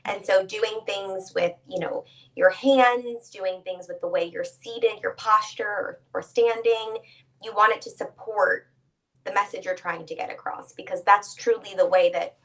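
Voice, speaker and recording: A woman etiquette instructor explains her advice in a measured, patient way, guest in a conversational interview. Her voice sits at an ordinary pitch for a woman. She sounds a little set back from the microphone. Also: steady tone, a bit bright, distant mic.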